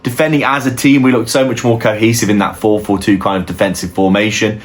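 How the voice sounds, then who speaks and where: A man's voice: lowish voice, steady tone, fast talker. A man giving a casual, opinionated match analysis as host of his football channel, often restarting his sentences. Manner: conversational, opinionated, with frequent restarts.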